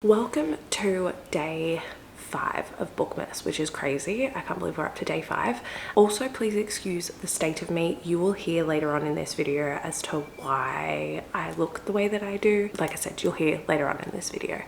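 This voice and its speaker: A woman with an Australian accent talking very quietly, as if not to wake anyone, in an intimate vlog style. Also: sits low, normal speed, vocal fry, poor audio. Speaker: book vlogger and host. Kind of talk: hushed, intimate vlog talk.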